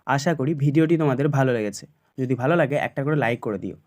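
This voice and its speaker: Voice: medium pitch, fast talker, darkish tone. A teacher with a West Bengal accent reads exam questions aloud and explains each one in Bengali. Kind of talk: slow read-aloud exam lesson.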